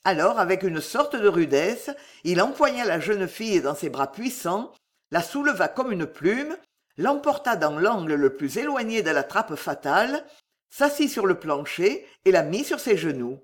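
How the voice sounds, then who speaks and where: A narrator giving a dramatic, expressive reading of a classic novel. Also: mid-range voice, normal speed.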